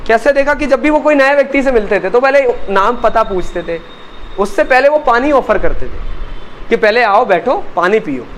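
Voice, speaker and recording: A man with an Indian accent teaches a spoken English class and speaks in a strikingly high voice. He is emphatic, slows right down to drill each phrase and keeps asking the students to say it back. Faint traffic noise sits behind him. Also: fairly bright tone, rough recording. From Indore, India. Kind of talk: classroom language lesson.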